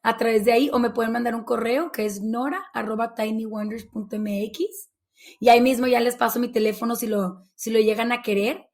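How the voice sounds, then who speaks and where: A woman's voice: on the high side, fairly even intonation, a little fast, darkish tone. A Mexican woman, a baby sign language instructor, chatting as an interview guest and acting out little exchanges with her kids. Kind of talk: casual interview chat.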